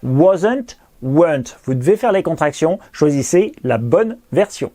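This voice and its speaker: A man teaching English grammar in a recorded lesson, explaining clearly and patiently and repeating pronunciation drills. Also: fairly high pitch, animated, measured pace, mellow.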